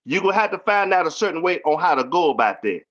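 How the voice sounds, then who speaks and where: A man's voice: on the high side, sing-song, fast talker, fairly bright tone. A man hosting a casual chat, telling stories in with a folksy manner and acting out quotes. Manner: storytelling, folksy, acts out quotes. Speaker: host. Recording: dull lo-fi audio.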